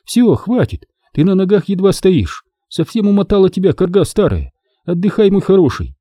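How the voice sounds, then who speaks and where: A man's voice: high voice, sing-song, normal speed, dark tone, no echo, clean studio sound, voice pushed up. A man voicing a doting, wailing older village aunt in an audiobook. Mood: doting fuss.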